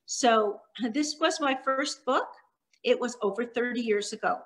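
A middle-aged woman from Montreal, a children's author, giving a talk from her living room over a laptop webcam, with frequent ums and pauses. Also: fairly high pitch, rough recording. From Canada (Montreal), born in Hungary. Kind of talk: presentation on a video call. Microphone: laptop webcam on a video call.

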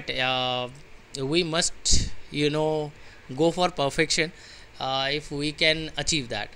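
A young Indian man teaching an online exam-prep lesson, chatting quickly and then reading notes out slowly, word by word. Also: a little high, sharp tone, slight background noise. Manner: switches between fast casual explaining and slow dictation-style reading of notes.

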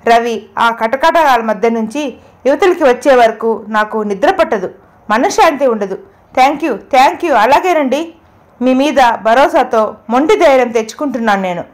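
Lady reading an anxious older dad begging for help on the phone, a bit high. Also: expressive, moderate pace, natural voice. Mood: pleading. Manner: pleading, emphatic. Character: worried older man, a foster father.

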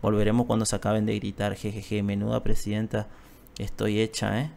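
Guy reading a calm club president girl from a game, gentle and composed, lowish voice, game music behind. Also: brisk, creaky. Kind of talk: reading game dialogue aloud.

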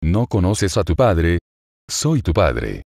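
A man's voice: deep voice, very animated, takes it slowly, creaky, darkish tone, no room sound, studio quality, heavily acted. A man voicing an earnest young father who keeps insisting to his children that he is their dad. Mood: pleading.

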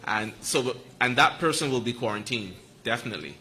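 Bright-voiced man explaining. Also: medium pitch, expressive, slight background noise, rough recording. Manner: explanatory, quick asides with laughs. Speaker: medical school panelist. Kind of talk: press conference answers.

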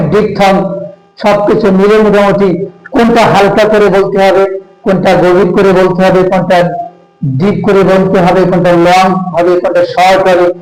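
A man from Bangladesh, the author of an English grammar book, explaining its contents in a halting way and mixing English words into his sentences. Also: high voice, level tone, darkish tone. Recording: echoey room.

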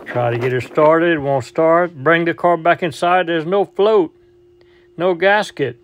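A man's voice: fairly high pitch, measured pace, muffled recording, a little hiss or hum. A man, a vintage outboard motor mechanic, narrating his repair work in a folksy, matter-of-fact way and calling the motor "her". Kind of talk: casual repair vlog narration. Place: workshop and outdoors by the water.

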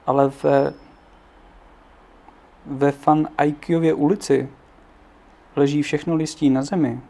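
A dreamy, earnest young boy, wondering aloud in a storybook, as a man reads his lines. The voice is gravelly and mellow, pitched a touch higher than plain narration. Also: flat delivery.

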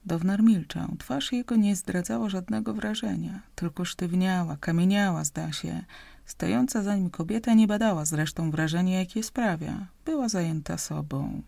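A woman narrating an audiobook chapter in steady, measured storytelling. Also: on the low side, creaky, no room sound.

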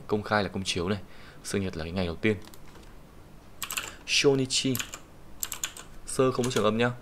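A man with a Vietnamese accent teaching Japanese kanji in an online lesson, patiently explaining each reading and saying the Japanese example sentences slowly. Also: fairly low pitch, a bit bright. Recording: faint background hiss and keyboard typing.

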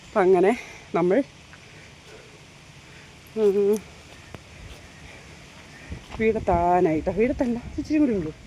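A woman's voice: medium pitch, animated, takes it slowly, pauses often, mellow, slight background noise. Woman, casual walking vlog, chatty tag-question delivery, phone mic outdoors, faint ambience. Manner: chatty, keeps addressing viewers with tag questions. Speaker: vlogger. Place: outdoors walking along roads, then at home.

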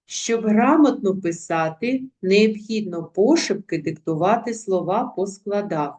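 A woman teacher giving a recorded lesson, speaking deliberately and spelling out word sounds one by one. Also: mid-range voice, lively intonation, a little mellow. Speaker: primary school teacher.

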